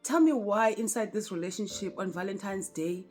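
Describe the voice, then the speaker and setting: A woman's voice: medium pitch, moderate pace, darkish tone, faint music behind. A South African woman telling a personal story in a casual vlog. She talks straight to her viewers and laughs often.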